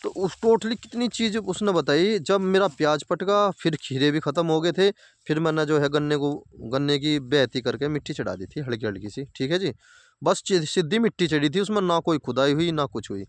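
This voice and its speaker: In a dry recording, a farming video host with a somewhat high voice talks at normal speed out by his fields. Casual and plain-spoken, he repeats his advice for fellow farmers, whom he calls brothers.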